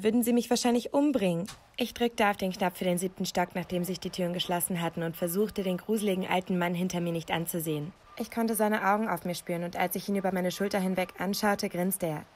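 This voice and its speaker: A woman reads a scripted first-person story aloud with drama and emotion, her slightly mellow voice jumping sharply in pitch at tense moments.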